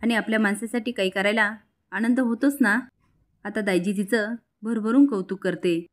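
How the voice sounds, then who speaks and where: Woman briskly recapping a serial. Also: medium pitch, steady tone. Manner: narrates briskly, voicing each character's lines with rising emphasis. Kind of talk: retelling a TV serial episode with quoted dialogue.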